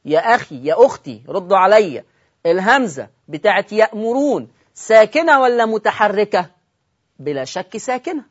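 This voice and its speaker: A man's voice: high-pitched, sing-song. Egyptian guy teaching quran recitation on tv, keeps asking the audience stuff, drawls the examples, kinda muffled sound. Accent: Egyptian Arabic. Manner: quizzes listeners, repeats key points, slows right down to recite examples. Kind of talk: televised recitation lesson. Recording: dull lo-fi broadcast audio.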